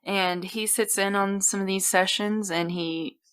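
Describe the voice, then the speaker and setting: A woman's voice: mid-range voice, fairly even intonation, measured pace, fairly bright tone, clear, resonant tone. A young woman co-hosting a podcast in casual chat, giving brief amused reactions and laughing often. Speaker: podcast co-host.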